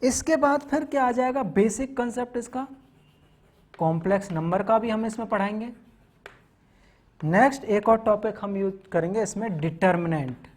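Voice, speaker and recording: A man's voice: high voice, normal speed. Male maths teacher giving a lecture. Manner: frequent "theek hai na" check-ins, mixes English terms; explains step by step, listing topics. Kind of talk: classroom lecture.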